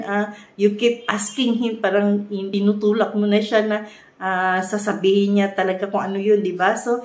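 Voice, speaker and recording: A woman's voice: medium pitch, echoey room. A Filipino woman giving casual relationship advice to her viewers, mixing Tagalog and English and often asking "di ba?". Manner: mixes Tagalog and English, frequent "guys, no?" and "di ba?" tags, laughs often. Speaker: vlogger.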